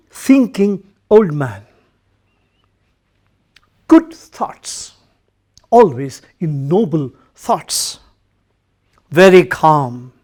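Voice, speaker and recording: Male Indian English schoolteacher, high-pitched, unhurried recorded lesson. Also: a little mellow. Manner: slow, repetitive, addresses pupils directly. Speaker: English teacher.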